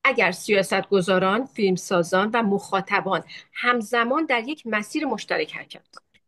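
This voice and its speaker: A woman speaks on an online panel through a video-call connection. She talks in short, measured segments, pausing after each one so her words can be interpreted. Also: medium pitch, expressive, fairly bright tone. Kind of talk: webinar talk in short segments.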